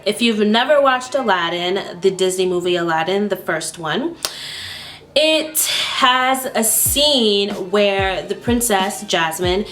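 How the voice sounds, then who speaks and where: A chatty woman vlogger recounting a trip straight to camera, peppering her talk with "like" and acting out bits of the story. Her voice sits at an ordinary middle pitch, with soft music playing faintly underneath. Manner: chatty, frequent "like" fillers, animated re-enactments. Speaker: travel vlogger.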